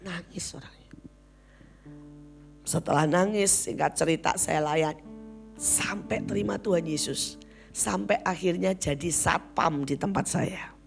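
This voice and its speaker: A woman preacher with a low-set voice and a rough, gravelly edge gives a storytelling sermon. She keeps turning to her congregation as brothers and sisters and brings the people in her stories to life as she quotes them. A guitar plays faintly behind her. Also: measured pace. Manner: addresses listeners as "saudara" again and again.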